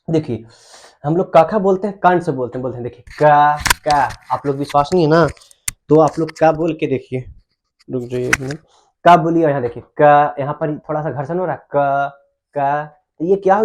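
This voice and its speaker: A man's voice: a little high, a little mellow. A man teaching grammar as a lesson. He asks questions and answers them himself, and he repeats key terms to drill them. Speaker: Hindi teacher.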